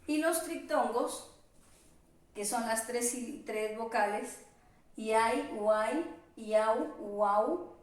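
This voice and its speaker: Woman teacher for a virtual lesson, slow and careful, a bit high, far from the mic in a very echoey room. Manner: slow, careful spelling-out of examples. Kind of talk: virtual class lecture.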